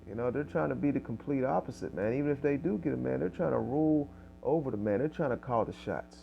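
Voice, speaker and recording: A man's voice: medium pitch, fast, vocal fry, lo-fi sound, faint music behind. A man preaching in casual street style, reading scripture aloud and tagging lines with "okay?" and "man". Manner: fills with "man" and "okay?", reads verses louder.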